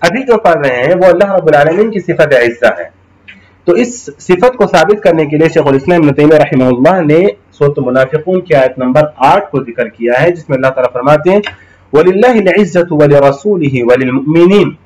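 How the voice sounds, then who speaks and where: A man's voice: fairly high pitch, expressive, fairly quick, darkish tone, poor audio. A male Islamic studies teacher giving a classroom lecture, explaining Arabic terms, checking in with his students and reciting Quranic verses.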